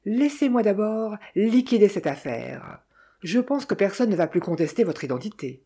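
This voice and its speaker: A woman's voice: medium pitch, sing-song, moderate pace, warm tone, slightly rough. A woman reading the lines of a mocking, good-humored male detective in an audiobook, with a wry, teasing manner.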